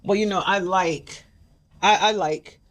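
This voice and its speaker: A woman's voice: medium pitch, a little slow. An older woman hosting a casual chat, chatty, sometimes reading package text aloud. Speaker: host.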